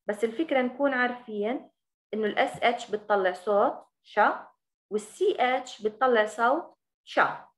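A woman with a Levantine Arabic accent teaching an English grammar lesson. She explains in Arabic and slows down on the English example words. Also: fairly high pitch.

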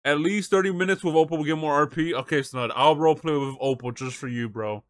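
A slightly high male voice at a quick pace. He's a live streamer reacting to a video, reading aloud into a close mic and chatting with viewers in casual slang, frequently saying "bro" and "chat."

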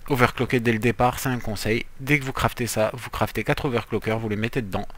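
A man's voice: mid-range voice, steady tone, quick pace, a bit bright. A man giving casual, playful gameplay commentary as a let's player, chatty, with jokey asides while he explains what he is doing.

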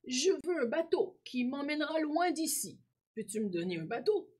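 A woman voicing a weary man grown old from a boy, speaking slowly and downcast in a storybook reading. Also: sits high, sing-song, a little mellow, pitched above the performer's own voice. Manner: slow, tired and downcast.

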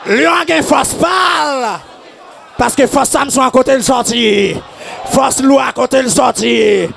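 A Haitian man preaching a sermon as pastor, shouting and half-singing his lines. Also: extremely high pitch, a little slow, creaky, a faint crowd, slight background noise.

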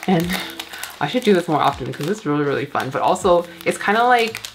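A Canadian woman with a Canadian accent hosting a casual plant unboxing vlog, chatty and gushing with excitement. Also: lowish voice, fairly quick, music in the background. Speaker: plant channel host.

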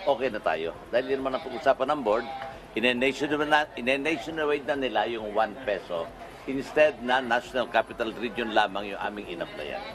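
An older man, a transport group leader, answering reporters in a quick, matter-of-fact way. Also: medium pitch, animated, a crowd in the background. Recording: clear background noise.

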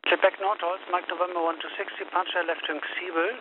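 Clipped tower controller on tinny radio. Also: male voice, high voice, flat delivery, quick pace. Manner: terse, procedural. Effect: aviation radio. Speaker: air traffic tower controller. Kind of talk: clipped radio dispatch of taxi and takeoff clearances. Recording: tinny narrowband radio, clear static noise.

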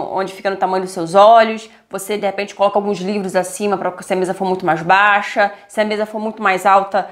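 Fast-talking Brazilian woman vlogger. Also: medium pitch. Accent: Brazilian Portuguese. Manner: chatty, lively, many "tá?" and "né?" tags. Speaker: YouTube tips vlogger. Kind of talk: casual tutorial vlog. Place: indoors at home, lit by a softbox. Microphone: lapel mic clipped to her blouse.

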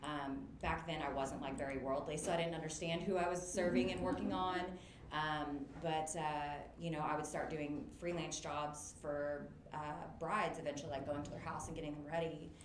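A woman in her thirties who owns a makeup artist business tells her career story as a guest on a casual video call panel. Her deep voice has fairly even intonation at a normal speed, and she's chatty, full of fillers and quick to laugh. She's in an indoor room, captured by roomy, noisy webcam audio.

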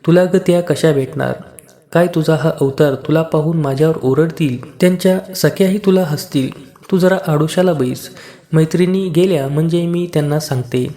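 A man's voice: a little high, moderate pace, warm tone, lightly acted. A man voicing a timid palace maidservant in a devotional story, asking worried questions and speaking humbly. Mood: nervous.

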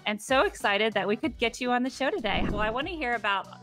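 A woman's voice: a little high, expressive, fast talker, fairly bright tone, faint music behind. A woman hosting a business podcast from an office on a studio mic, cheerful and welcoming. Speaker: podcast host. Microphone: studio mic with headphones.

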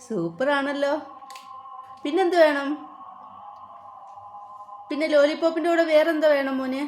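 A mother gently and patiently coaxing her small son with repeated questions in a casual home video. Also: high voice, fairly even intonation, measured pace, faint music behind. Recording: echoey room.

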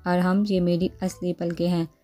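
Woman reading shy soft-spoken young bride, mellow. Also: lowish voice, level tone, normal speed, faint music behind, lightly acted. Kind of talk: storybook dialogue reading.

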